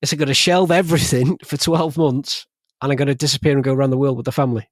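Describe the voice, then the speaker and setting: A man's voice: medium pitch, fairly even intonation, fast talker, no room sound, studio quality, voice pushed up, lightly acted. A man putting on a giddy voice, playing a man boasting that he will drop everything to travel. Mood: mock-excited.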